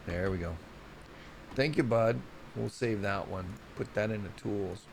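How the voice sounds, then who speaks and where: A man's voice: lowish voice, a little slow, vocal fry, a little hiss or hum. A man hosting a casual solo news report on volcanoes, rambling and chatty, often stumbling over place names. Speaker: show host.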